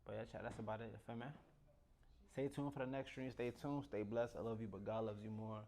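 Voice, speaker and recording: A man's voice: lowish voice, steady tone, fast, a little mellow. A young man streaming live, talking casually and in slang straight to his chat.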